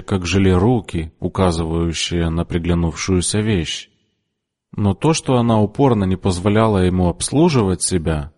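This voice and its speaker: A man narrating an audiobook in an expressive, measured storytelling manner. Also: deep voice. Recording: long room reverb.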